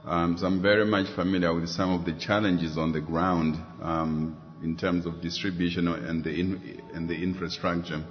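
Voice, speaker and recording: A man's voice: sits low, level tone, moderate pace, hardly any pauses. A man from Zimbabwe, asking a polite follow-up question from the audience and searching for his words. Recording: reverberant hall, dull lo-fi sound.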